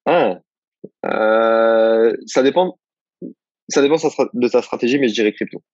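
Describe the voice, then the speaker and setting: A man from the south of France, a guest in a casual interview, telling his story in a relaxed, rambling way with many restarts. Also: mid-range voice, a little slow, no room sound, dull audio.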